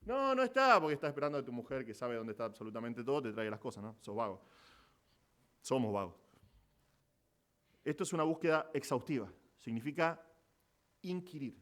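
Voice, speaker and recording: A man's voice: medium pitch, brisk, long pauses. A man with a Rioplatense Argentine accent preaching a church sermon, explaining scripture and rising to emphatic exclamations. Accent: Rioplatense Spanish. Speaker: pastor.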